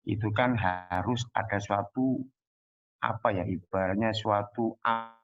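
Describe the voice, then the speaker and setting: A man's voice: fairly low pitch, steady tone, a little slow. A man sharing earnestly and ramblingly in an online meeting, his call audio choppy and breaking up. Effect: choppy call audio that keeps breaking up. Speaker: caller in an online business meeting. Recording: dull, lo-fi call line.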